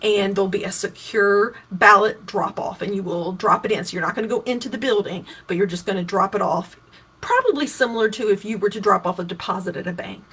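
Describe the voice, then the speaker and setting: Hosting her own livestream, a Kentucky political candidate in her fifties speaks directly to viewers, answering their questions and walking them through practical details. Her husky, middle-pitched voice is a bit bright and a little fast, and her casual explanations are full of restarts and fillers.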